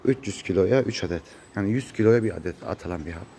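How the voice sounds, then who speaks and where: A man with a deep, warm voice talks fast, sounding muffled and congested from a cold. He's a cattle farmer chatting casually to viewers in a vlog from an open-sided, metal-roofed cattle barn. It's a noisy recording made on a handheld phone.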